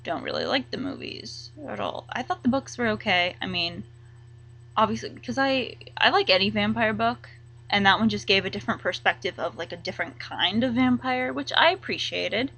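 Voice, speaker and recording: A young woman chatting casually to camera as a vlogger, rambling and halting, full of likes and ums. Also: medium pitch, big pitch swings, vocal fry, bright, forceful tone, low-quality recording.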